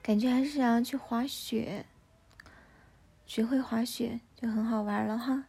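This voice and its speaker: A woman's voice: fairly high pitch, steady tone, unhurried, creaky, mellow, breathy edge. A woman, telling family stories in a casual chat and often asking the listener if they follow. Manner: chatty, often asks the listener "you know?".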